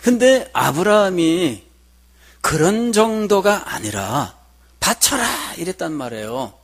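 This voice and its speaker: A man's voice: mid-range voice, lively intonation, a little slow, husky. A middle-aged man preaching a sermon as pastor, telling a personal story in a conversational way and asking the congregation questions.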